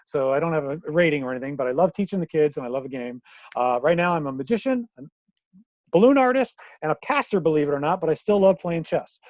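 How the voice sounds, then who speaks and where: A man's voice: fairly high pitch, a little mellow, no room sound. An older man teaching chess in an online workshop over a video call, upbeat and jokey, with riddles for the group.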